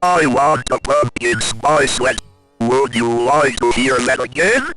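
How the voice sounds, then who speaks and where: A robotic male text-to-speech voice reading out a chat message in a flat, mechanical, word-by-word way. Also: medium pitch, slow pace, over music.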